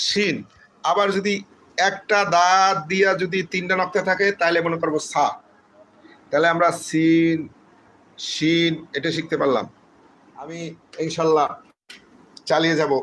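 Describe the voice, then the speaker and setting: A patient man teaches Quran letters step by step, drilling each name over and over. His voice sits a little higher than most men's. A faint hiss of noise runs under the recording. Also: a bit bright, rough recording. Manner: patient, repeats letters for listeners to say along. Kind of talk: slow step-by-step lesson with drilled letter names.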